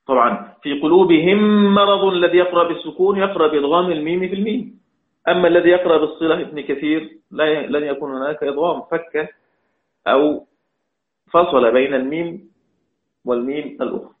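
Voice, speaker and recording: A man's voice: on the high side, quick pace. A man teaching a religious lesson, asking questions aloud and repeating each point for emphasis. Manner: asks questions then answers them. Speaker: Quran recitation teacher. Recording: echoey tinny phone-like sound.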